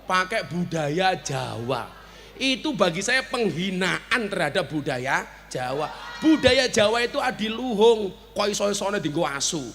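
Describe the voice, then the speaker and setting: A Javanese-accented man gives a comic sermon in a high, bright, forceful voice. He teases the crowd, trades banter and shouts out his punchlines. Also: sing-song, moderate pace, hardly any pauses. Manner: joking, banter with the audience, bursts into shouts. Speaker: preacher. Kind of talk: humorous sermon at a village gathering.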